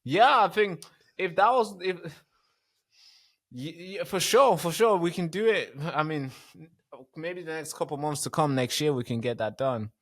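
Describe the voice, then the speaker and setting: Young guy hosting a podcast over video call, kinda high voice, relaxed and chatty, lots of restarts. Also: unhurried. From born in a refugee camp in Tanzania. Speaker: podcast host. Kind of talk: casual interview chat.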